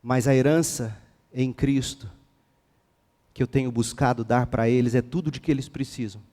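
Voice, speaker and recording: A male pastor with a Brazilian Portuguese accent, preaching a sermon with passion, swinging between hushed and forceful. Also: mid-range voice, fairly even intonation, normal speed, long reverb tail. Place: church sanctuary.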